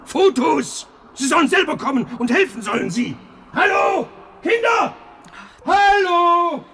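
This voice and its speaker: An actor playing an aging inkwell collector in a radio play, who broods quietly and then flares up into shouting. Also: male voice, medium pitch, very animated, measured pace, a little hiss or hum. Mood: agitated. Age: older.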